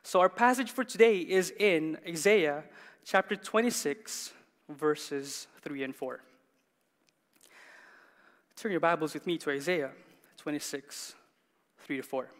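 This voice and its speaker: Male pastor, higher voice, emphatic sermon delivery, church reverb. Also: a little slow, long pauses, a bit bright. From Canada. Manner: emphatic, repeats words for stress, asks the congregation questions. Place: church hall.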